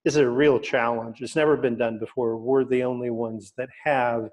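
An older man, a company head, explaining his product at a measured pace with fillers and restarts, heard over a video call. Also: mid-range voice, fairly even intonation, a little mellow, poor audio. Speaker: company CEO guest. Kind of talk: remote video interview. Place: indoor room, plain wall behind. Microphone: webcam video call.

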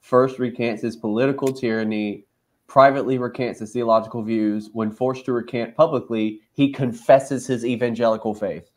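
A man's voice: mid-range voice, fairly even intonation, normal speed. A man in a casual discussion, talking in a rambling way with many fillers. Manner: rambling, filler-heavy talk. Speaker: discussion participant. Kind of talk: casual chat.

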